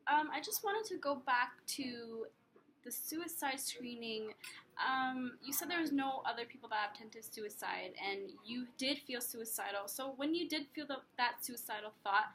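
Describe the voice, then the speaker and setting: A woman's voice: on the high side, expressive, moderate pace, a bit bright. A young woman in a role-played telephone counselling interview, asking questions tentatively and checking she has understood. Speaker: counsellor intake worker in a practice role play. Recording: clear background noise, room ambience.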